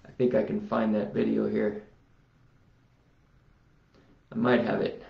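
A man's voice: lowish voice, completely flat delivery, gravelly. A man vlogging casually as he demonstrates a self-healing routine, rambling and talking to himself as he goes. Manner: unhurried, rambling, talks to himself. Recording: roomy, dull lo-fi sound.

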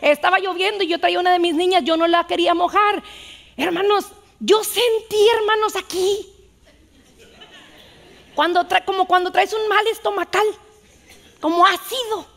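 A woman pastor preaching a sermon in a chatty, animated storytelling manner. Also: very high-pitched, brisk, gravelly.

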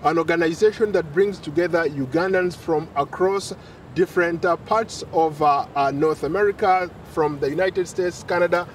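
A man's voice: on the high side, recorded from a distance, slight background noise. A man reporting for the news outdoors, speaking with many "uh" fillers. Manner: measured, with frequent "uh" fillers. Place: outdoors on a lawn by city buildings. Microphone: handheld mic held at chest.

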